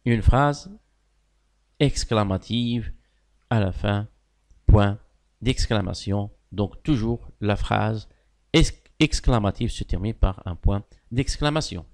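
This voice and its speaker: A man's voice: on the low side, slow. A man teaching a French grammar class, walking pupils through sentence types and praising their answers. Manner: stresses key words with sudden loud lifts. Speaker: primary school French teacher.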